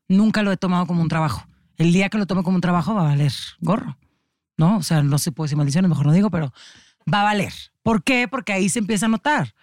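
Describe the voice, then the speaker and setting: A woman's voice: fairly low pitch, darkish tone, no room sound, studio quality. A young adult woman with a northern Mexican accent, an actress chatting animatedly as a guest in an interview. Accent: northern Mexican (Monterrey). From Monterrey, Mexico. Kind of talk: casual interview chat.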